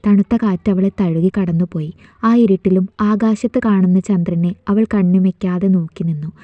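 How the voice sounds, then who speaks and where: A woman narrating a family romance story in a soft, steady storytelling manner, on a dull, dry recording. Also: on the low side, normal speed, no room sound.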